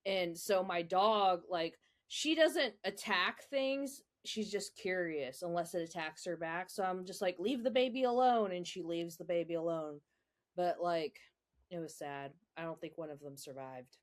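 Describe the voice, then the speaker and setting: A woman's voice: lowish voice, measured pace. Young woman podcast co-host, chatty storyteller, casual filler-heavy delivery. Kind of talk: casual chat.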